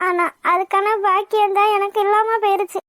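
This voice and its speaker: A woman's voice: very high-pitched, flat delivery, brisk, music in the background. A woman voicing a frightened young woman in a cartoon, crying and despairing. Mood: tearful. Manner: tearful, despairing. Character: young woman, rescued and tearful, fearful.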